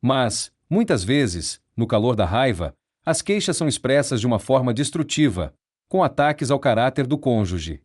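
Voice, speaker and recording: A man reading a nonfiction book aloud in a measured, steady, explanatory way. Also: medium pitch. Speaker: audiobook narrator.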